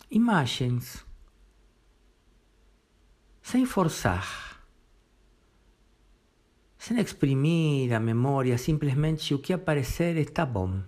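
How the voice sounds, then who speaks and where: In a guided meditation, a man gently walks through each step using short phrases broken up by long pauses. He speaks at a medium pitch.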